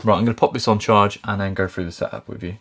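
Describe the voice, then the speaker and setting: A man's voice: on the low side, steady tone, fast talker, noisy background. A man casually reviewing a camera on his boat, easygoing and thinking aloud as he goes. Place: on and around a canal boat.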